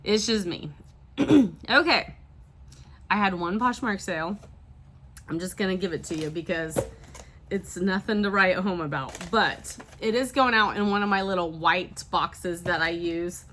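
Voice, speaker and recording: A woman's voice: mid-range voice, pushed and bright. A woman from the Midwest, a part-time reseller, chatting casually to camera while sniffly with a tickly throat. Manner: chatty and apologetic, with small laughs.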